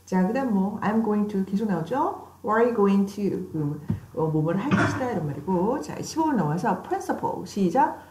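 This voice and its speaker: A woman's voice: mid-range voice, animated, normal speed, few pauses, noisy background. A woman teaching an English vocabulary class, drilling pronunciation with call-and-repeat cues and teasing her students with playful questions. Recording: echoey classroom.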